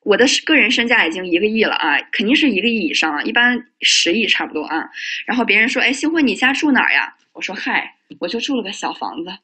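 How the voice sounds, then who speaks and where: Lively male English teacher, husky. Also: high voice, fast. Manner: lively, joking, asks the class questions. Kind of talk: exam listening lesson.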